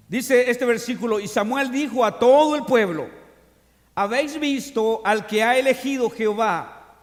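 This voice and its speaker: High-voiced man preaching in a reverberant church. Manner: swings between loud proclamations and quiet, confiding asides; reads scripture aloud and addresses the congregation directly. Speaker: pastor. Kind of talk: sermon. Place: church during an evening service. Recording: long reverb of a church hall.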